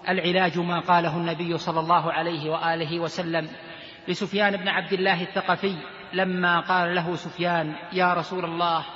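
A high-pitched male preacher speaks with a fairly flat, steady delivery as he tells a story of repentance. His voice rings through a large, reverberant hall. The recording is dull and lo-fi. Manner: emotive, retelling a repentance story in first person. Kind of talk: sermon storytelling. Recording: echoey hall, dull lo-fi sound.

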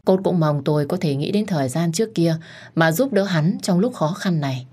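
Female narrator, low register, first-person drama reading. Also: lively intonation, moderate pace, a little mellow, breathy edge. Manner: low voice, rises sharply for quarrel lines. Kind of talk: first-person story reading with voiced dialogue.

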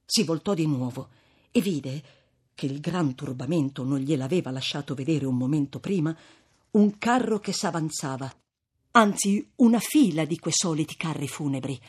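A woman reading a classic novel aloud as narrator, with measured, expressive storytelling and a husky voice. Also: deep voice. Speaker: audiobook reader.

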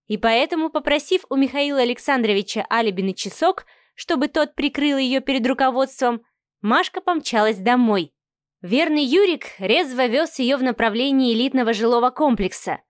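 A woman narrating an audiobook in a lively storytelling way. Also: fairly high pitch, no room sound, studio quality.

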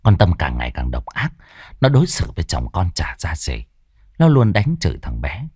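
A male storyteller narrates a ghost tale with dramatic flair. His pitch swings widely from line to line. The recording is close and dry. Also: normal speed, breathy edge, no room sound. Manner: dramatic, highly expressive.

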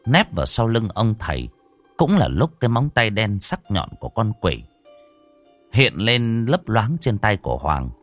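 Man, horror audiobook narrator, deep voice, expressive swings, faint music behind. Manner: slow, dramatic storytelling.

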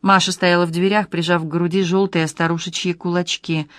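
An audiobook reader narrating a novel in a steady, even storytelling voice. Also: medium pitch, brisk, dry recording, studio quality.

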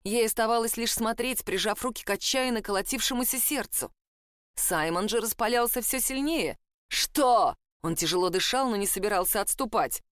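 A woman narrating a novel in a steady, expressive reading voice. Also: a little high, a little fast, dry recording, clean studio sound. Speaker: audiobook narrator. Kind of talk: scripted narration.

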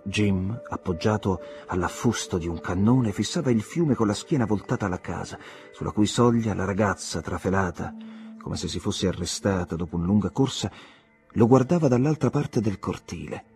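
Deep, dark-voiced male audiobook narrator. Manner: measured, expressive storytelling. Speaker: audiobook reader.

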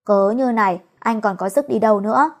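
A woman's voice: on the high side, brisk, lightly acted. A woman reading the part of a young husband who coaxes and teases his wife in a storybook romance. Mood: coaxing. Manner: coaxing, playful. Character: young husband, teasing and coaxing.

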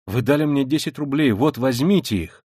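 A man's voice: mid-range voice, animated, normal speed, a little mellow, slightly rough, no echo, studio quality. Man doing a timid, frightened young woman. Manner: timid, pleading.

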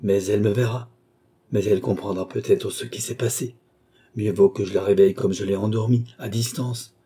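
A man voicing a commanding, mysterious count in an audiobook, giving firm, measured orders. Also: fairly low pitch, steady tone, dark tone, breathy edge. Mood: imperious.

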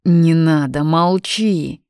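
A woman reading aloud voices a man's harsh inner voice, yelling drawn-out scolding commands at him. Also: sits low, vocal fry, slightly rough, no room sound, clean studio sound, full character voice.

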